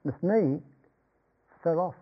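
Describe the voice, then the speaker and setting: A man's voice: a little high, takes it slowly. An older man giving a meditation talk, rambling through an anecdote with chuckles and restarts. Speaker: meditation teacher. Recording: dull lo-fi talk recording.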